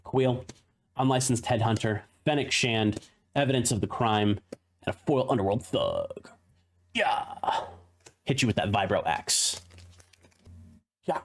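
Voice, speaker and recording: A man's voice: medium pitch, lively intonation, a little slow, pauses often. A man streaming a card pack opening, rattling off card names between chatty asides and the odd laugh. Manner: laughs at his own tongue-twisters. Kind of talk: casual unboxing commentary.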